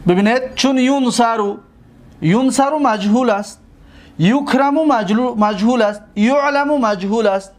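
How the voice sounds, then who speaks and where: High-voiced man teaching grammar. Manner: drills word forms slowly, poses and answers his own questions. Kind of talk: classroom lesson.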